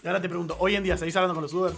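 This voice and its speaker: A man's voice: high-pitched, flat delivery, creaky, a bit bright, soft background music. A man with an Argentine Rioplatense accent co-hosting a live radio show, ranting jokingly in casual chat. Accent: Argentine Rioplatense Spanish. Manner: quick joking rants.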